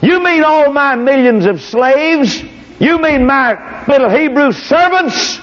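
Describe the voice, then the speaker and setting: A male preacher voicing a scornful old Egyptian king who mocks and questions in a raised, high voice, on a dull lo-fi recording. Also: lively intonation, takes it slowly, a bit bright, big-room sound, heavily acted. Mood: mocking. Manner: mocking, incredulous, high-pitched. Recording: dull lo-fi recording with faint hiss.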